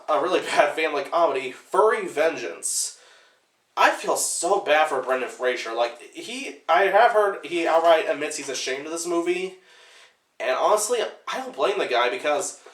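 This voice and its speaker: A young man rambles through unscripted movie-review commentary, saying "like" constantly. His voice is on the high side with a fairly bright tone, and he sounds far from the mic, giving the recording a roomy, off-mic quality.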